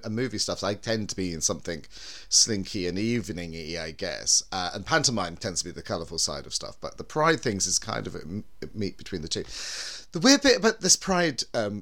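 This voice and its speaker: A man's voice: lowish voice, very animated, fairly quick, a bit bright. A man hosting a podcast as a drag performer, with a camp, theatrical way of talking. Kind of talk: theatrical show introduction and casual chat.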